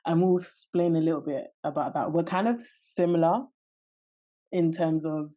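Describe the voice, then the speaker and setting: A woman's voice: deep voice, fairly even intonation, normal speed, dark tone. A woman in her late twenties co-hosting a podcast, chatting casually and laughing easily. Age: 20s. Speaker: podcast co-host. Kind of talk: casual chat.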